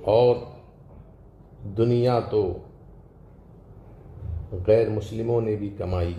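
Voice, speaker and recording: A man preaching a devotional sermon in a measured, emphatic way, lifting his voice on key words. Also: lowish voice, steady tone, dark tone, echoey room, dull audio, a little hiss or hum. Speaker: Islamic preacher.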